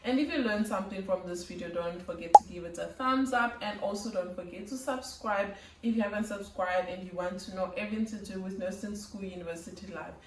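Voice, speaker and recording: A young woman talks through nursing school advice in an earnest, instructive vlog, stacking up lists of tasks. Her voice sits mid-pitch and comes from a little way off the mic. The room is echoey. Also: brisk, hardly any pauses, background noise. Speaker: nursing student vlogger. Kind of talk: advice vlog talking to camera. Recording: roomy, slightly distant mic.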